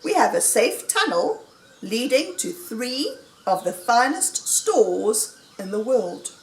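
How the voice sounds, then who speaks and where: Woman as a grand, high-pitched jubilant fox leader. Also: sing-song, slow pace, roomy sound. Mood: rallying. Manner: grand, rallying oratory. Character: jubilant, boastful male fox leader giving speeches.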